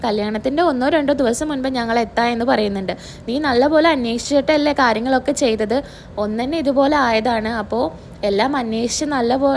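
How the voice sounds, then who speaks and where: A woman with a high voice walks through a serial episode scene by scene. She quotes each character's lines in her own casual telling, with a faint hiss of background noise. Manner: retells scenes line by line, quoting the characters' dialogue; fills pauses with drawn-out "aa". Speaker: serial review vlogger.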